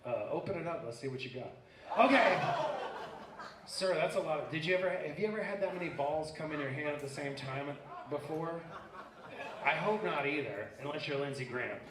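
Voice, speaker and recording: A man's voice: fairly high pitch, a little fast, very noisy. A man performing a live comedic magic act on stage, joking bawdily with audience volunteers. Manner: bawdy, joking crowd banter. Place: live music venue stage. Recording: roomy venue sound from far off. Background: audience laughter.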